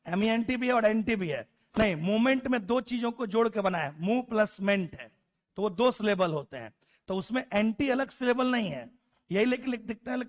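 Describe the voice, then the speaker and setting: A man teaching English grammar to a class, spelling letters out, calling out word lists and teasing students. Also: sits high. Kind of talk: classroom lecture.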